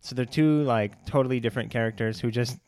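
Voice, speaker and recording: A young man co-hosting a casual film chat, relaxed and talkative with many fillers and easy laughter. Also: medium pitch, quick pace. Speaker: podcast co-host.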